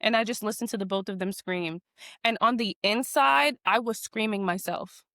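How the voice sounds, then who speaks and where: A woman and mother speaking reflectively in a casual heartfelt conversation, often pausing to find words. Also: mid-range voice, fairly bright tone, dry recording, clean studio sound. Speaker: mother, co-host.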